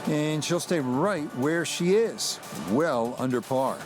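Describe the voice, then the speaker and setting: A man giving golf play-by-play commentary in measured, conversational short phrases. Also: a little high, expressive. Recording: loud music and crowd behind voice. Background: music and crowd.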